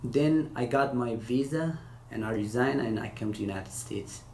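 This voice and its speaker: This interview guest, a former interpreter from Afghanistan, answers casually with a darkish, medium-pitched voice. He keeps halting and restarting in hesitant non-native English. The room echoes, and there's a faint hiss.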